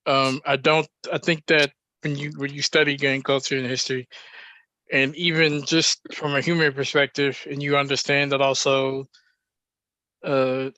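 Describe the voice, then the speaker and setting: A man hosting a podcast, speaking in a reflective, measured way with frequent pauses and fillers. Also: medium pitch, pushed and bright, no echo. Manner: reflective, measured, thinking aloud with many fillers. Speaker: podcast host. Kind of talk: casual podcast discussion.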